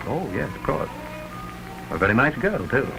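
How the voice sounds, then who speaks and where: An actor in an early talkie film playing a composed, worldly gentleman amateur criminologist with measured, urbane diction, on an old crackly soundtrack. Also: medium pitch, sing-song, gravelly, over music. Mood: polite.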